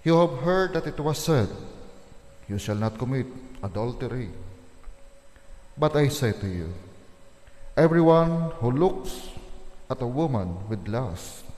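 A man, a priest proclaiming the Gospel at Mass in a slow, measured way that leans on key words, his voice ringing with cathedral echo in a large church. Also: medium pitch, expressive, a little mellow. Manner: slow, measured liturgical reading with stressed words. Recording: echoey church with long reverb.

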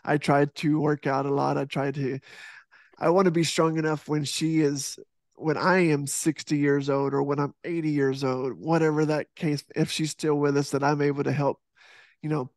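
A man's voice: a little high, little pitch movement, normal speed, no room sound, clean studio sound. A man in his thirties from Texas, a podcast guest talking earnestly over a video call, with frequent restarts and fillers. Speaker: podcast guest, fitness instructor and author. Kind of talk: casual video-call interview. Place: home room with poster behind. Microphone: headset mic on boom arm over video call.

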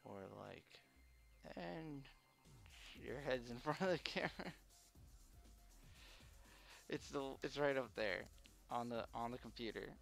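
A man chats casually on a livestream through a face mask, which muffles his words. His mid-range voice has a lot of creak and fry. He talks haltingly and without polish, with faint music behind him. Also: medium pitch, a bit bright. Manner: halting, hesitant, unpolished first-time streamer. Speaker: live streamer. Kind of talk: casual unscripted livestream chat.

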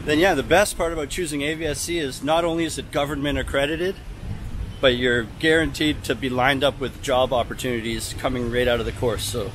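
A man's voice: medium pitch, fairly even intonation, brisk, fairly bright tone. A man in his thirties talking casually to a camera held at arm's length while walking through a city park. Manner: casual, chatty, explanatory. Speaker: travel vlogger and English teacher. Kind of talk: walking vlog talk to camera. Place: outdoors in a city park and temple grounds. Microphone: handheld camera at arm's length. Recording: outdoor city noise behind. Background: traffic and city ambience.

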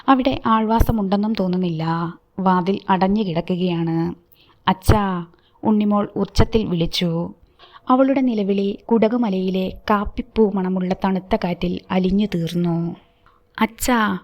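A woman reads a novel aloud in a measured, expressive way. Her voice sits at an ordinary middle pitch. The pacing is steady, as in scripted narration. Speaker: audiobook narrator.

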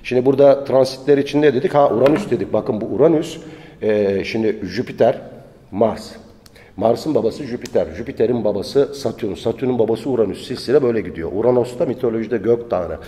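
Dark-voiced man lecturing in a reverberant room. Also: medium pitch, fairly quick. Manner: rambling, colloquial and preachy, scolding the audience. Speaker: astrology teacher. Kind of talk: informal lecture. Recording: long reverb.

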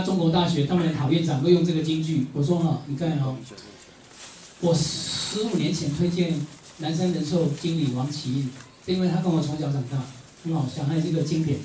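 Middle-aged Taiwanese motivational speaker, lively storyteller, laughs a lot, echoey hall from a distant mic. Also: male voice, a little high, slight background noise. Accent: Taiwanese Mandarin. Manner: animated storyteller, often laughing, emphatic repetition. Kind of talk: motivational speech.

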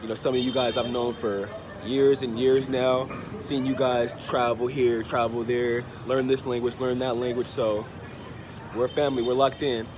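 Male vlogger, thirties, medium pitch, stuffy nose from a cold, halting casual chat, phone recording in a noisy open cafe. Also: level tone. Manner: unhurried, halting, often repeating phrases. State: under the weather with a cold. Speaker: travel and language vlogger. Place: open-fronted hostel bar or cafe. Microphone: phone held at arm's length. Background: street and vehicle ambience.

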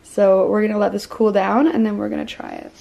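A woman's voice: medium pitch, level tone, fairly quick, gravelly, warm tone, a little hiss or hum. A young woman chatting through a baking tutorial in her home kitchen, bubbly and casual, with lots of "like" and "um". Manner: bubbly, chatty, says "like" and "um" often. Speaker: baking vlogger.

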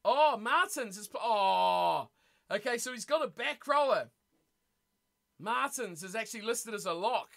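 Casual New Zealand male streamer, lively up-and-down delivery, joking with chat. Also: sits high, unhurried, gravelly. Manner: chatty, teasing, laughs often. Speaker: streamer hosting a rugby watch party. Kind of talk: casual live-stream chat, reading chat aloud.

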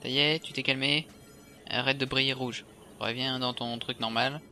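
A man's voice: medium pitch, steady tone, normal speed, bright, forceful tone. A man with a French accent casually commenting on his video game as he plays, reacting aloud and talking to the enemies. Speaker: video game let's player. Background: game music.

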